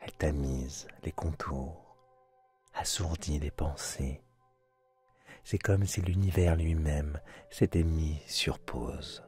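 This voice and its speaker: Close and intimate, a deep, slow male voice speaks right into the listener's ear, guiding sleep hypnosis for his channel. His delivery is soft, hushed and soothing with measured pauses, captured binaurally with a close mic while gentle music plays behind him.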